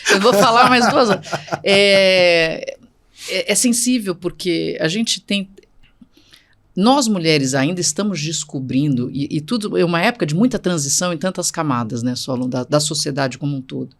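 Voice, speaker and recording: Emphatic woman with lively pitch. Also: moderate pace. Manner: emphatic, assertive, repeats for stress. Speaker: guest. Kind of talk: conversational interview.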